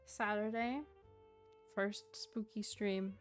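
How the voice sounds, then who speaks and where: A woman game streamer chats casually and informally with her viewers while she plays, with game music behind her. Her voice is medium in pitch and steady, and she takes her time.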